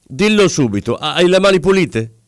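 A man voicing a vain, fussy male official who is anxious and excitable, raising his voice in sharp exclamations above his narrating tone. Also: measured pace, dry recording, clean studio sound. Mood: shouting. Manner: raised, exclaiming, higher than the narration.

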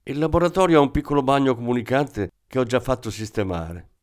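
A man's voice: mid-range voice, brisk, darkish tone, natural voice. Casting: man as a formal, insistent school principal, plain audiobook read. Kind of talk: audiobook reading.

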